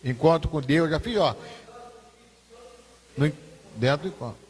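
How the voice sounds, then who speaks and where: A man's voice: on the high side, animated, moderate pace. A man, a pastor teaching a Sunday school class in an informal, repetitive way, often asking the class questions. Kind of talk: conversational church teaching. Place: church hall. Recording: husky voice in a reverberant church hall.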